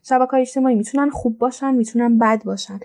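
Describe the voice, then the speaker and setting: A woman's voice: fairly high pitch, steady tone, dark tone. A woman speaking as a personal development coach on a motivational podcast, urging listeners directly and repeating her points.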